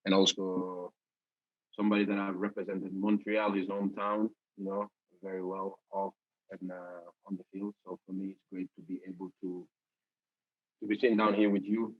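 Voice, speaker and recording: A man hosting an interview as a soccer head coach, talking in a halting way while searching for words. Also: low voice, dry recording, narrow, tinny audio.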